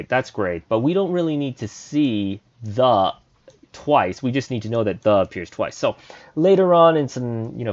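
A man's voice: mid-range voice, darkish tone, no echo, highs cut off. A man casually explaining code in a screen-recorded programming tutorial, thinking aloud as he types.

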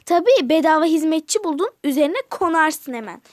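Harsh dismissive mother, voiced by a woman, toy game role-play, snapping, high-pitched. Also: animated, brisk, dry recording, clean studio sound. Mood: scornful. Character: harsh cold mother, adult woman, scornful.

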